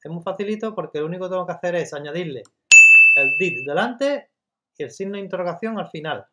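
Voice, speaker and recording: A man teaching English grammar step by step in Spanish, patiently checking in with his students and reading example sentences slowly. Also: a little high, very noisy. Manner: patient, repeats checks like "¿vale?" and "¿de acuerdo?".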